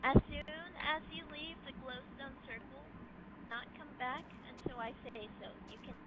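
A woman's voice: high voice, moderate pace. A woman hosting an online game, giving casual instructions and directing the group in a bossy way. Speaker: game host giving rules. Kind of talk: casual instructions over voice chat. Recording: noisy game voice chat.

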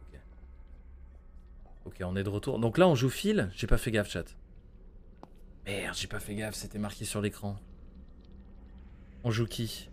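A man's voice: on the low side, a little slow, long pauses, slight background noise. A man giving live gameplay commentary as a streamer, chatty, swearing and greeting viewers in chat by name. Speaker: gaming streamer.

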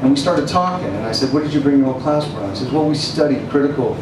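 With lively intonation and a quick pace, the medium-pitched middle-aged man answers questions after a film screening in a small cafe gallery with an audience. He's breezy and slangy on a handheld mic, heard from a distant camera amid echo and noise.

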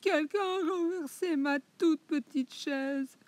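Lady putting on a teeny baby bear cub, squeaky and piercing, shrill storybook voice way up high, slow and drawn out. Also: dry recording. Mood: whiny. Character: tiny shrill crying baby bear boy.

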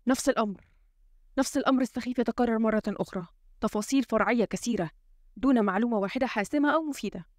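Lady reading as an edgy bossy president guy, mutters and barks orders, quick. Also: fairly high pitch, a little mellow, no echo, studio quality, close to an everyday voice. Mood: irritated. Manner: muttering, urgent and commanding. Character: tense, suspicious male head of state.

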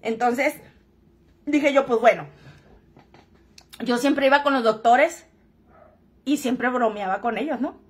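High-voiced joking woman. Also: takes it slowly, long pauses. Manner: joking, frank and crude-spoken. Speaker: vlogger. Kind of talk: casual storytelling to camera.

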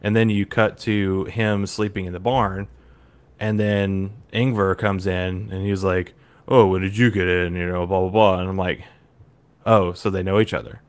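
A man's voice: deep voice, level tone, normal speed, clear, resonant tone. A man co-hosting a casual movie review chat, retelling scenes with his own acted-out thoughts and lots of fillers. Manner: many fillers, "right?" tags. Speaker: podcast co-host.

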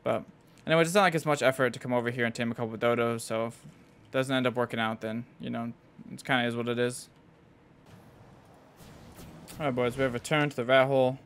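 A man's voice: medium pitch, fairly even intonation, fast talker, few pauses, fairly bright tone, a little hiss or hum. A young man giving casual gameplay commentary in slangy, sweary frat-bro talk. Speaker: gaming video host.

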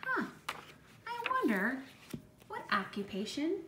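Reading a picture book to small children, this woman teacher has a high voice with huge pitch swings and a slow delivery. Her storytime style is emphatic and child-directed, with explanatory, questioning asides, and the background is noisy.

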